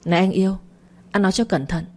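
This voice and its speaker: A woman voicing a cold, scheming young wife who answers calmly and dismissively. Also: medium pitch, quick pace, close to an everyday voice. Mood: smug. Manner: calm, smug, dismissive.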